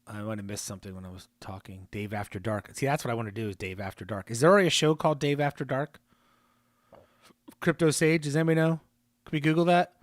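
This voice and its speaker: A man's voice: medium pitch, steady tone, fast talker, no room sound, studio quality. A man hosting a live stream, chatting casually, joking and reading viewer comments aloud. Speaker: livestream host.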